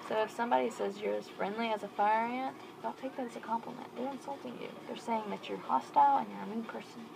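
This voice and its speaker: A woman's voice: fairly high pitch, fast talker, creaky, background noise. A young woman with a Texas accent, chatting informally and in a folksy way as she explains things. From Texas, United States. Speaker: vlogger explaining regional slang. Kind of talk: casual explainer to camera with examples.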